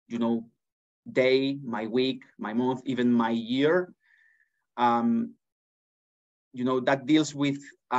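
A man in his thirties with a Spanish accent, talking earnestly as an interview guest from an office, with frequent restarts. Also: medium pitch. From Spain. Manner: earnest, many restarts and fillers. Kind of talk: conversational interview. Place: office with large windows. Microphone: laptop webcam on a video call. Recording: dull lo-fi video call audio.

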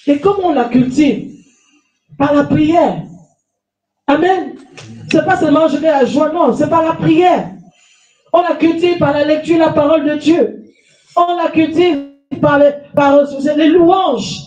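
A middle-aged Frenchwoman, a pastor with a cold, preaches emphatically from a lectern in a small church hall, repeating phrases and calling for amens into a handheld mic. Her high voice is unhurried and a little mellow, with long pauses. A far camera catches it from a distance in an echoey room.

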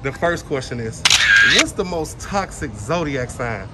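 A man's voice: medium pitch, big pitch swings, a little slow, very noisy. A man doing casual public interviews in a big store, teasing his guests with playful questions. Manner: playful, teasing, loud catchphrases. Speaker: street interviewer. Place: inside a large retail store.

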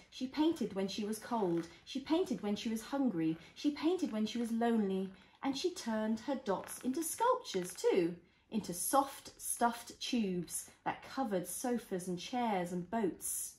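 A woman reads a picture book aloud as a mother does to a toddler. She is expressive, explaining things simply and prompting with small questions. Her mid-pitched voice rings slightly in a roomy home space. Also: unhurried, slight background noise. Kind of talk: reading a storybook aloud to a young child. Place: indoors, small living room at home. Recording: roomy echo of a home room.

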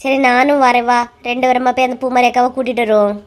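A woman's voice: on the high side, steady tone, fast, voice pushed down, lightly acted. A woman with a Kanyakumari Tamil accent voicing a fond, worried older mother in a cartoon comedy.

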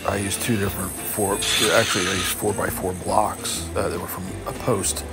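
An older man narrating his own woodworking project in a casual, halting way with many fillers. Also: sits low, flat delivery, loud music behind the voice. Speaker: homesteader vlogger. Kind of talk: casual DIY voice-over narration.

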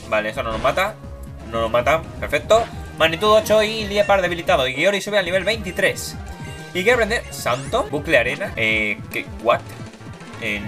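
This is a casual Let's Play by a young gaming YouTuber, with game music in the background. He keeps things playful, giving the game characters silly high-pitched voices.

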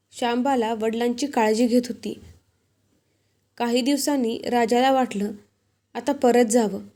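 A woman storyteller reading a devotional folk tale in a measured, deliberate way. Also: fairly high pitch, mellow.

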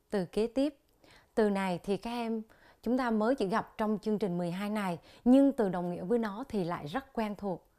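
Woman, Vietnamese accent, TV English teacher, slow careful word drills. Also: mid-range voice, dark tone. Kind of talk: televised English lesson.

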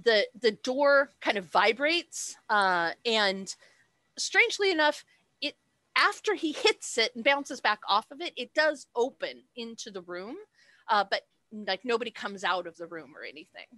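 A woman's voice: fairly high pitch, animated, measured pace, sharp tone, no room sound. A woman game master narrating a tabletop game over a headset on a video call.

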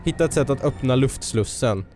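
A man's voice: mid-range voice, animated, darkish tone, soft background music. A man doing casual let's play commentary, jokey and chatty, tossing in mock-English quips. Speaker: gaming video host.

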